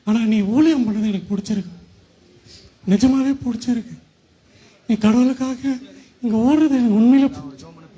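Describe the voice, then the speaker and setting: A man's voice: high voice, mellow, slightly rough. A man playing a widowed father who tearfully and repeatedly pleads with his only son not to leave. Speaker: father in a church skit.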